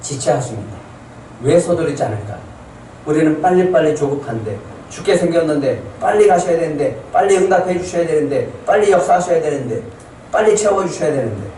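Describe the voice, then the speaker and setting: A male pastor preaching a Sunday sermon, telling stories and acting out people's complaints with animated shifts in voice. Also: fairly high pitch, a little fast, reverberant, distant mic, a little hiss or hum, rough recording. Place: church sanctuary.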